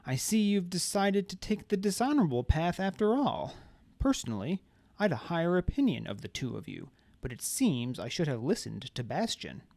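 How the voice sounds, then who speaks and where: A man's voice: high-pitched, sing-song, normal speed, creaky, darkish tone, no room sound, pitched above the performer's own voice, exaggerated voice. A man voicing a good-natured foppish man who speaks with a drawl. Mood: bewildered, then dignified. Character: cheerful drawling foppish young man, slurred.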